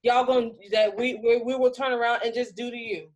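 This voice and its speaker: A woman's voice: fairly high pitch, level tone, brisk, darkish tone. A woman co-hosting a podcast in casual chat. She talks in a heated, emphatic way with frequent restarts. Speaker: podcast co-host.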